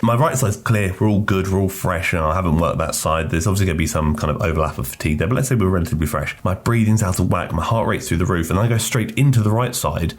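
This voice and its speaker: Fast-talking low-voiced man, a bit poorly. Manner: quick, chatty, jokey explaining. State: under the weather. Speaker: fitness coach reacting to a video. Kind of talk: casual commentary.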